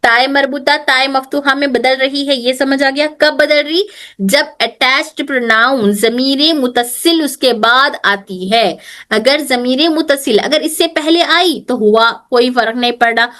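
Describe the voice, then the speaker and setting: Female teacher, higher-pitched, patient and repetitive, switches to English for rules. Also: measured pace, a bit bright. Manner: repeats terms, checks understanding often; mixes Hindi with English phrases. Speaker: Arabic teacher. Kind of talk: online grammar class.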